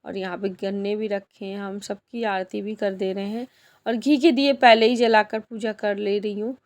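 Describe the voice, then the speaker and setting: Here a woman vlogs about her outing in a relaxed, chatty style, frequently talking right to her viewers as friends. Her voice sits at medium pitch, a little mellow, with fairly even intonation and normal speed.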